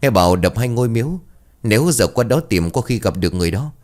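A gossipy older fruit seller who knows every rumor in the village, as a low-voiced male narrator reads her. The tone stays deep and relaxed, like a spoken storybook. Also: fast, natural voice. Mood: chatty. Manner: chatty, knowing.

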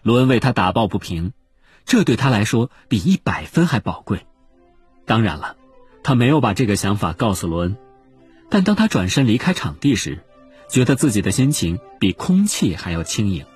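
A man narrating an audiobook with expressive storytelling. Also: lowish voice, normal speed, husky, faint music behind. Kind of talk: scripted narration.

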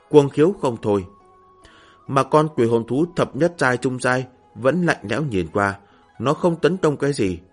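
Male narrator, husky tone, steady read over faint music. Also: medium pitch. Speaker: audiobook narrator. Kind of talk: scripted fantasy novel narration.

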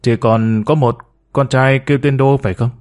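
Narrator playing a composed male interrogator, quiet authority, gentle and measured, warm low tone. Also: fairly even intonation, lightly acted. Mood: calm.

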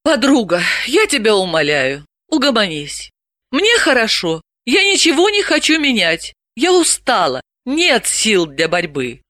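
A woman reading an audiobook, voicing a tired, measured woman psychologist in her thirties. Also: fairly high pitch, big pitch swings, fairly bright tone, dry recording, clean studio sound, voice pushed up. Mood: weary.

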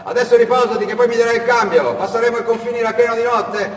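A man voicing a calm, reassuring male tourist in a live storytelling performance. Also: very high voice, fast talker, voice pushed up. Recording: echoey hall from far off.

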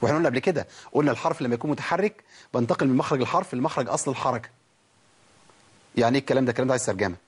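A man with an Egyptian Arabic accent teaching a tajweed lesson, who asks questions, answers them himself, and drags out letter sounds slowly to demonstrate them. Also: medium pitch, breathy edge. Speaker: Quran recitation teacher.

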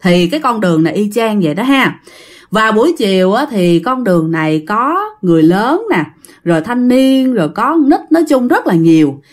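A woman's voice: mid-range voice, sing-song, normal speed. A woman with a Southern Vietnamese accent telling a ghost story in a chatty way, often speaking directly to her listeners.

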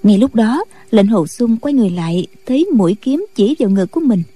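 A woman narrating a martial-arts novel in a steady storytelling voice. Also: a little high, a little fast, a little hiss or hum. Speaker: audiobook narrator.

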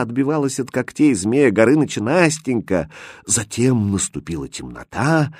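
A man reading a fairy tale aloud as narrator, in an expressive, lively storybook style. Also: medium pitch, breathy edge, dry recording, studio quality.

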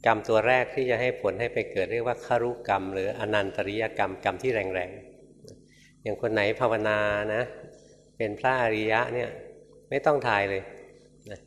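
An older monk preaches a sermon in a low voice. He tells a story and acts out its quoted lines, and he chuckles now and then. His voice rings through a large hall with long reverb and faint noise behind it. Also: fairly even intonation, moderate pace. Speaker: Buddhist monk teacher. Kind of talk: dharma sermon.

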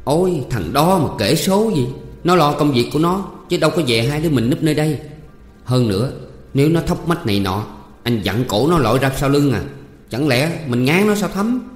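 A man's voice: a little high, expressive, normal speed, pitched above the performer's own voice, natural voice. A man with a Southern Vietnamese accent voicing a pushy, eager young landowner's son in a storybook, coaxing and teasing. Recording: roomy reverb, faint music.

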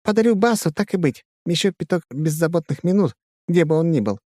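A man's voice: on the high side, lively intonation, brisk, mellow, no echo, studio quality, pitched above the performer's own voice. A man voicing a cheeky, sardonic young woman aboard a spaceship. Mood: teasing.

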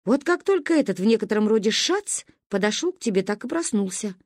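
Playful ribbing uncle from a storybook, voiced by a woman reader, lively and teasing. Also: medium pitch, brisk, no room sound, studio quality. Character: teasing grown-up uncle, joking son.

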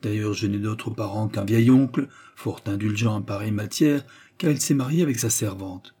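A man voicing a shy, awkward young country nobleman who speaks hesitantly and softly. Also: fairly low pitch, moderate pace, breathy edge. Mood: hearty. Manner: hesitant, soft, self-deprecating.

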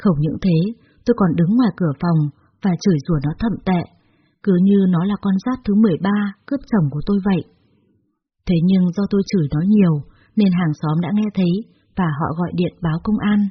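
A woman narrates a dramatic first-person story in a steady, dramatic tone. Her voice is breathy. The recording sounds dull and muffled. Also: lowish voice, fast talker. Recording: dull lo-fi audio.

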